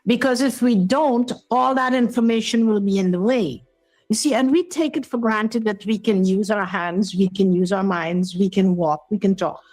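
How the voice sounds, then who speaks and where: A woman's voice: on the low side, darkish tone, no room sound, low-quality recording. A woman in her sixties from Guyana, telling her story as an interview guest and minister, earnest and explanatory. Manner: earnest, explanatory, checks in with the listener.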